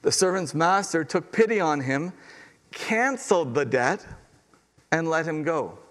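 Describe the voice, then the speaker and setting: A man preaching a sermon, telling a parable in a conversational, animated way and acting out the quotes. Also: on the high side, unhurried. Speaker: pastor.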